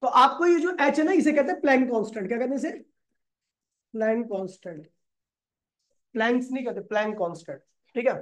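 A man's voice: very high-pitched, fairly quick, pauses often, fairly bright tone. A man teaching physics in a classroom lecture. He asks the class questions and answers them himself, calling the students brother and kid.

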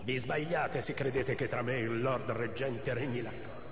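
An actor playing a haughty, pompous captive royal physician in a video game. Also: male voice, mid-range voice, moderate pace, lightly acted. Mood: defiant. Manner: pompous, scornful. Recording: echoey hall reverb.

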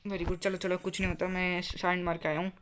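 A young man commentating a video game for his channel, talking very softly and breaking into excited yelps and frustrated groans as he plays. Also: high-pitched, fast talker, a little hiss or hum. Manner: speaking very softly on purpose. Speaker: gaming YouTuber.

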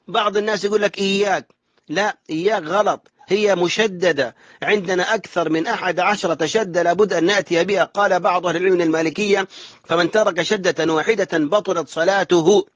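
A sheikh with a high voice teaches correct Quran recitation in a lesson. He points out the mistakes people make and then chants the verse slowly and carefully. The recording sounds dull and dry, as if from a dead room. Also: no room sound.

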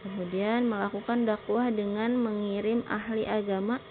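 A woman's voice: mid-range voice, fairly even intonation. Woman teacher talking through slides, lots of um-type fillers, tinny phone sound, a little hiss. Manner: explaining slowly with frequent filler words. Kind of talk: recorded slideshow lesson.

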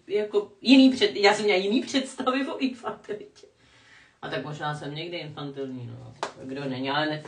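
A woman's voice: on the low side, distant mic. Rambling older woman in an echoey room. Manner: chatty, rambling, self-mocking, with bursts of laughter. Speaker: vlogger reading live chat. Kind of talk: casual live-stream chat while doing makeup. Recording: echoey room, voice a bit off-mic.

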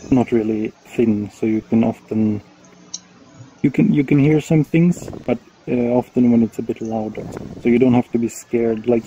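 A man's voice: mid-range voice, warm tone. A man from Sweden hosting a casual group chat in a virtual world, hesitant with many fillers and restarts. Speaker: club host. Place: online voice chat. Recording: dull lo-fi stream audio with faint noise.

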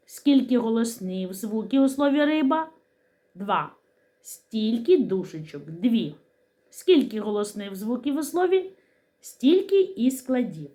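A woman teacher giving a literacy lesson to young children, speaking slowly and sounding out words syllable by syllable, asking questions and answering them herself. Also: a little high, warm tone. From Ukraine. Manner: slow, careful enunciation of syllables.

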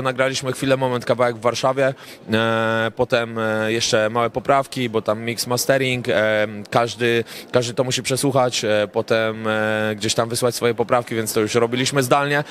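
Young man chatting on a premiere carpet. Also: mid-range voice. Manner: relaxed, rambling, frequent filler sounds. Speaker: rapper and songwriter, interview guest. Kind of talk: red-carpet interview answers. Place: indoor cinema premiere event, crowded lobby. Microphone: handheld reporter mic held near him.

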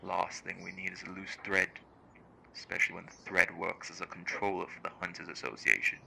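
A man in an audio drama plays a cold, menacing, no-nonsense interrogator who curtly demands answers. His voice sits low and sounds gravelly, monotone and brisk, with a threatening chill and a noisy background.

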